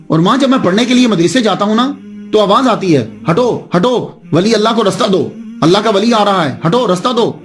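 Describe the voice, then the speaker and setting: A man's voice: sits high, animated. A man, while preaching, voicing an earnest, wondering young boy who confides in his mother.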